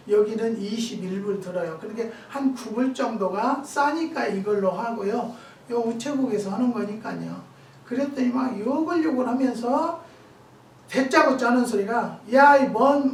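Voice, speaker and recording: Older pastor preaching in an echoey hall. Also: male voice, high-pitched. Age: 70s. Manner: conversational storytelling, acts out quoted dialogue. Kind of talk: sermon with storytelling. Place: prayer retreat sanctuary. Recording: echoey hall, distant mic, faint noise.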